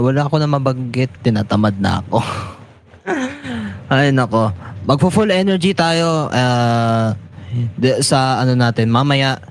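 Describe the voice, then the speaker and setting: This internet radio host, a twenties-aged man with a Filipino accent, rambles casually through his sign-off chat and mixes in English phrases. His voice is mid-range, with a little hiss or hum on the recording.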